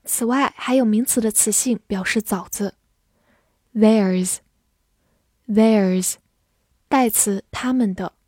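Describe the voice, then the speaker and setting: A woman's voice: mid-range voice, takes it slowly, long pauses, mellow, no echo, clean studio sound. A woman teaching English vocabulary, saying each word twice and then giving its meanings, in scripted lesson narration.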